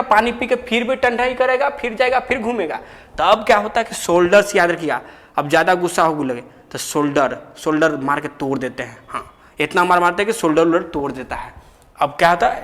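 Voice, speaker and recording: A man teaching an exam lesson with memory tricks, chatty and jokey in a colloquial way. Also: on the high side. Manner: chatty, jokey, colloquial, rises loud when excited. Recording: echoey room with long reverb.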